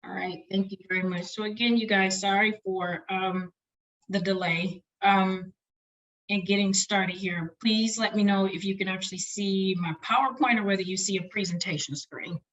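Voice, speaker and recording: A woman presenting a webinar to doctoral students, talking quickly in a chatty, friendly lecturing way over a computer mic. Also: medium pitch, steady tone, fairly bright tone, dull audio.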